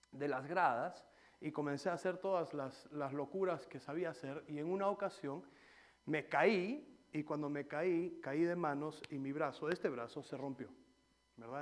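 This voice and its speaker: A man preaching a sermon in church, swinging between loud exhortation and quiet personal stories. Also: a little high, normal speed. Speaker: pastor.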